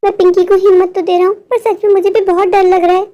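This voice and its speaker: A woman's voice: extremely high pitch, level tone, quick pace, muffled recording. A performer voicing a stubborn but protective young boy who reassures his friend in a cartoon. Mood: reassuring stubborn.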